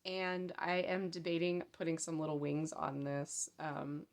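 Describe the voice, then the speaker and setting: A woman in her thirties, hoarse from a slight cold, speaks in a low, gravelly, monotone voice at a somewhat slow pace. As a crochet pattern designer and vlogger, she rambles amiably through a show-and-tell of her handmade work, full of fillers, in her daylit home craft room.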